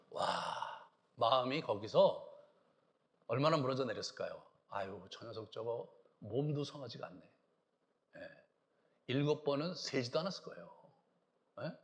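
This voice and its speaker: A male pastor preaching a Sunday sermon in an animated way, acting out quoted lines in a hushed voice. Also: high voice.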